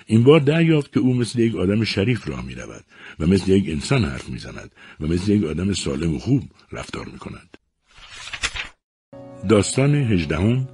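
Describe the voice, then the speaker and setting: A man narrating short stories in a measured, expressive scripted reading. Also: deep voice, slightly rough, no echo, studio quality. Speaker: storyteller.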